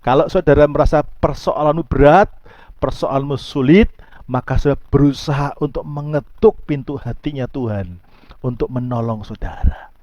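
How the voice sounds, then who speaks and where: A male pastor preaching a sermon, emphatic, dropping to soft low asides and rising to high pleading outbursts. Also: moderate pace, no room sound, muffled recording.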